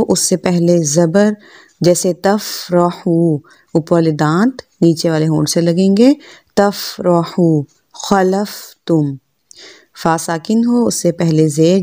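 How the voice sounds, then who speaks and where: A woman's voice: lowish voice, mellow, dry recording, studio quality. A woman Quran teacher giving a patient, step-by-step pronunciation lesson, stretching out each practice word with careful articulation.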